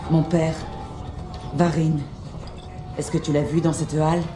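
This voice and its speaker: An actress playing an earnest, battle-worn female Viking warrior in a French video game, speaking in a measured, solemn way. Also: low-pitched, little pitch movement. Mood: searching. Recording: roomy echo, music and crowd behind.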